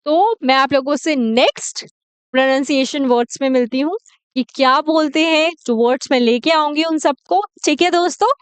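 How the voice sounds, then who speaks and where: A young woman teaching English pronunciation with an Indian English accent, saying target words slowly and often checking in with her students. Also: high voice, no room sound. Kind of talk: classroom lesson.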